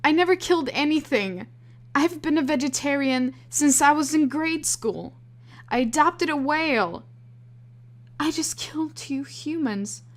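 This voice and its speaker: A woman reading aloud, voicing a frightened, squeamish young woman in urgent, near-shouting bursts. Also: sits high, voice pushed up.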